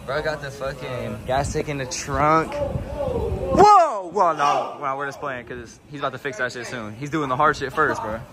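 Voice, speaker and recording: A man's voice: medium pitch, fairly even intonation, moderate pace, hardly any pauses, a crowd in the background. A young man talking casually about his car build, slangy and profane, with a noisy background behind him. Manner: slangy, profane, laid-back. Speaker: car vlogger. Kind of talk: casual vlog narration.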